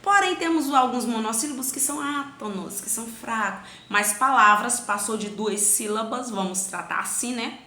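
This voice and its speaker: A bright, fairly high-voiced woman gives a grammar lesson to children. She draws out syllables slowly to show where the stress falls, and she asks the pupils' questions in her own voice. The room around her is echoey. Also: a little hiss or hum. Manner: plays both teacher and pupil asking questions. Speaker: teacher.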